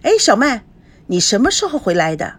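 Woman reading a motherly middle-aged lady, tactful, soothing, lively pitch, storybook. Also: fairly quick, husky. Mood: gentle.

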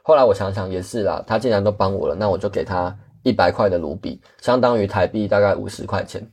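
A man's voice: on the low side, quick pace, darkish tone, slightly rough. A man, a guest earnestly telling travel stories in casual chat. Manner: earnest, candid, many restarts.

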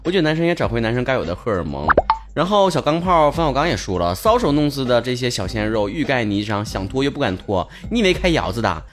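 A man's voice: mid-range voice, big pitch swings, fast, very noisy. A man with a Northeastern Chinese accent hosting a comedy talk show, joking colloquially through listener messages and firing off rhetorical questions. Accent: Northeastern Chinese (Dongbei). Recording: loud music bed under the voice. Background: loud music.

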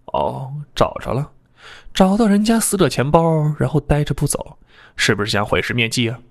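Male narrator doing a sneering middle-aged cop boss, low and suspicious, talks down to the suspect. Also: lively intonation, normal speed, gravelly. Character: smug sneering middle-aged male police deputy chief.

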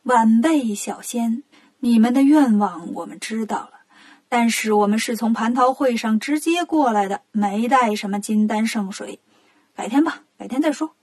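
A woman's voice: a little high, normal speed, darkish tone, slightly rough. A woman doing a cocky monkey king. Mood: mock-solemn. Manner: mock-solemn then teasing.

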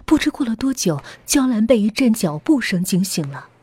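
Lively, breathy-voiced woman telling a ghost story. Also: a little high, normal speed, faint music behind. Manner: dramatic, suspenseful delivery with hushed and heightened passages. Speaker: storyteller host. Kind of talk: scripted ghost story narration.

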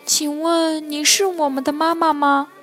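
A woman's voice: little pitch movement, unhurried, fairly bright tone, soft background music. Woman doing chirpy baby turtles. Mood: eager. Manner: high chirpy childlike calling. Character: chorus of little baby turtles, curious.

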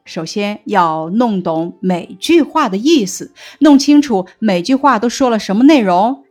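Woman teacher narrating a lesson, unhurried and measured, with soft music underneath. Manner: slow, measured explaining tone, lifting pitch on quoted classical lines.

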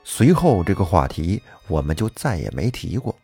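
A man's voice: deep voice, normal speed, faint music behind. A man hosting a folk-tale show, narrating a story dramatically and expressively. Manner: lively, expressive, acting out quoted voices. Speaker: storyteller host.

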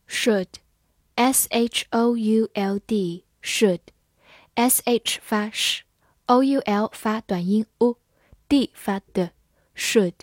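A woman teaching English vocabulary in Chinese. She spells each word letter by letter and reads the example sentences slowly and carefully. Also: medium pitch, darkish tone, no echo, studio quality.

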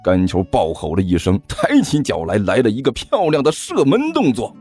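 Man, comic audiobook narrator, very lively pitch, husky. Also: faint music behind. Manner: lively storytelling, slow delivery.

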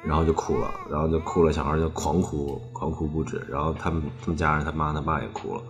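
A man with a very low, deep voice recounts an eerie story in a loose, rambling way. He keeps chaining his sentences with "then" and circling back over the same phrases. Faint music plays softly behind him. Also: flat delivery, fast talker. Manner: rambling, strings clauses with "then" and repeats phrases. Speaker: storyteller on a ghost-story podcast. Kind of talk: casual chat storytelling.

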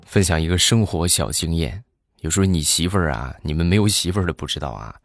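A man's voice: low voice, lively intonation, soft background music. A married man telling comic everyday stories in a chatty monologue, stretching his filler sounds and acting out other people's lines. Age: adult, married. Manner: chatty, drawn-out filler particles, acts out voices. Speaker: comedian.

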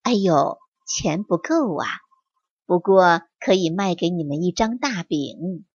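A kindly shop clerk in a children's story, speaking low and gently with an apologetic air, as a woman puts her on. The recording is dry, slow and slightly dull. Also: expressive, breathy edge, no echo. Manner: soft, sympathetic.

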